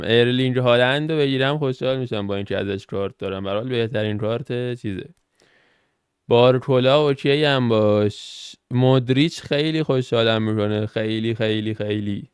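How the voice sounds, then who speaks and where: A man's voice: mid-range voice, smooth, dry recording, studio quality. A young man from Iran hosting a gaming channel, chatting casually and thinking aloud as he reacts to the cards he opens. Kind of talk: casual gameplay commentary.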